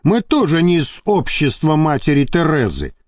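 A man's voice: on the high side, big pitch swings, moderate pace, darkish tone, dry recording, clean studio sound. A man voicing a tough male gangster who speaks bluntly in street slang. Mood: offended.

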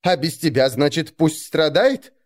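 A man's voice: a little high, unhurried, pitched above the performer's own voice, close to an everyday voice. A man voicing a frightened peasant mother who pleads and wails. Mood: pleading. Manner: wailing, pleading. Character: frightened, weeping middle-aged peasant mother.

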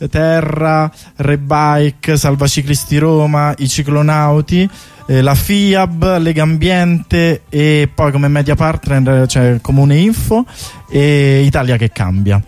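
In a radio studio with music behind him, a man with a slightly high, darkish voice talks as a guest artist about his bike tour project. The casual interview finds him rambling, hesitant and informal, repeating words as he explains.

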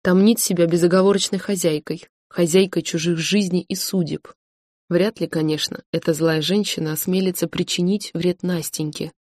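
A woman narrating an audiobook with a lowish voice, close and dry with no room sound. She reads in a measured, even way. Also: no room sound.

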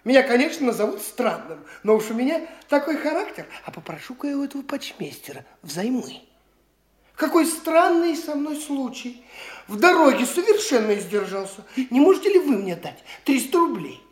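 In a stage radio play, a woman acts the part of a boastful, flighty young man who poses as an official and talks down to the locals. Her high-pitched voice moves at normal speed and sounds swaggering, lively and condescending, with a roomy acoustic.

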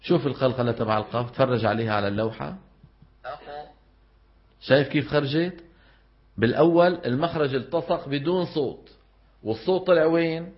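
A man's voice: mid-range voice, fairly quick, pauses often. Male recitation teacher, lecturing a class with frequent questions to students; slightly muffled recording. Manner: explains step by step, keeps asking the class questions. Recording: dull lo-fi recording.

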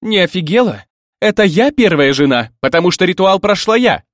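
A man's voice: on the high side, very animated, normal speed, dry recording, clean studio sound, voice pushed up. A man voicing a blunt, combative young woman with a soldier's past who scorns and threatens a rival. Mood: scornful, combative.

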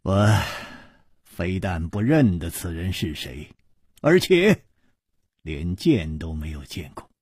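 Male storyteller as a relaxed, chuckling hero, slow and gracious, gravelly. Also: sits low, no echo, clean studio sound, voice pushed down, full character voice.

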